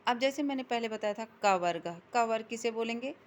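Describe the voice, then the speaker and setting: A woman's voice: fairly high pitch, a little hiss or hum. A woman teacher explaining a lesson to students, drawing out the example words and answering her own questions. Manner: slow and drawn out when reading letter examples, asks questions and answers them herself. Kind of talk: classroom explanation.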